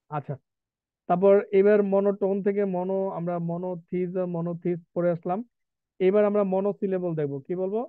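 Male vocabulary tutor, light high voice, quizzes students, tinny phone-like sound. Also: smooth, dry recording. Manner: asks students questions, reads definitions slowly. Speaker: English vocabulary teacher. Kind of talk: live class lecture mixing Bengali and English.

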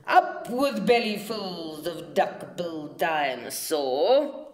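A woman voicing fierce, bullying young tyrannosaurus sisters in a storybook, loud and exclaiming. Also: lowish voice, very animated, takes it slowly, reverberant. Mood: boisterous.

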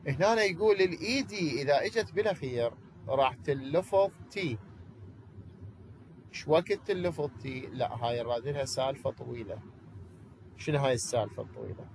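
A man's voice: medium pitch, a little fast, creaky, pauses often, darkish tone, a little hiss or hum, poor audio. A man with an Iraqi Arabic accent teaching an online English class, asking questions and then answering them himself.

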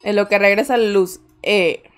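A woman's voice: mid-range voice, fairly even intonation, moderate pace, soft background music. A young woman commenting on a horror game, full of jittery, scared exclamations and chatty asides. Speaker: gaming streamer.

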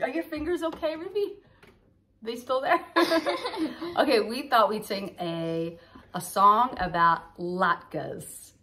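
A woman's voice: on the high side, takes it slowly, sharp tone, a little hiss or hum. A woman hosting a children's music show, leading songs and games in a bubbly, sing-song way with lots of laughing.

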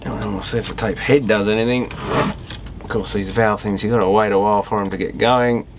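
Here the same kind of speaker, an electronics repairer and video host, tinkers and thinks aloud in muttered fragments that trail away, all casual and unscripted. Low-ish and fairly even in intonation, his voice moves at a brisk pace against clear background noise.

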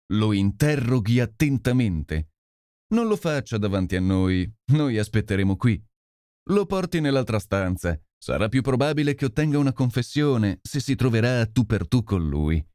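A brisk, commanding detective, as a storyteller reads him, issuing instructions with lively rises and falls in his voice. He sounds urgent and in control. The recording is dry, close, and free of echo. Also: on the low side, smooth. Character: sharp, commanding male detective.

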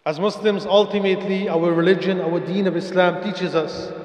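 Male preacher, somewhat high voice, measured repetitive cadence, reverberant hall. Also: steady tone, darkish tone. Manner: measured, repetitive devotional cadence with Arabic phrases. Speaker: imam giving Friday sermon. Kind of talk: sermon. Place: mosque prayer hall, indoors. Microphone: stand mic.

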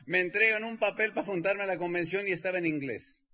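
A man with a Mexican accent telling a personal story to an audience in an animated way, acting out the people he quotes with comic emphasis. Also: high-pitched, quick pace. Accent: Mexican Spanish. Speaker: speaker.

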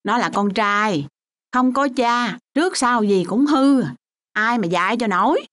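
A harsh, dismissive mother in a radio play. Her voice is high and swoops widely. She fires back with sarcastic, sharp retorts. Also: animated, a little slow. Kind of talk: radio drama acting.

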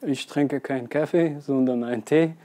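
A man's voice: medium pitch, moderate pace, warm tone. A young man from Afghanistan, an IT trainee, talking plainly and carefully to the camera in an office, with frequent hesitations. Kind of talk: scripted interview to camera. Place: small office with desks and computers.

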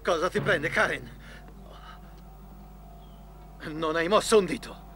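A man's voice: lowish voice, expressive, normal speed, over music, lightly acted. An actor playing a loving but reluctant husband in his thirties in a dubbed film drama. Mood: exasperated.

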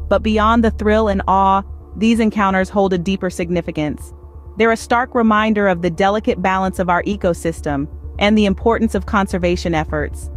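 A woman reading scripted nature documentary narration in a polished, evocative storytelling manner. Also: mid-range voice. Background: music.

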